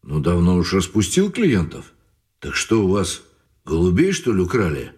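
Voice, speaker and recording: A man voicing a gruff, menacing gang boss who grumbles and threatens. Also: deep voice, huge pitch swings, normal speed, darkish tone, voice pushed down.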